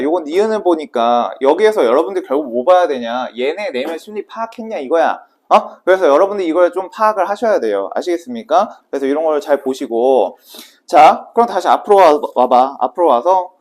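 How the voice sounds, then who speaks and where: A male Korean literature teacher runs a casual exam prep lecture, quizzing his students and then answering his own questions. He's brisk and casual, with a fairly high, expressive, slightly mellow voice.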